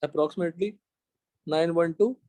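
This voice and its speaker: A young Indian man with a high-pitched voice is giving a live chemistry lecture in class, dictating slowly in English. His voice sounds mellow and dry, with no room echo. He works through the material step by step and frequently pauses to check that the students are following.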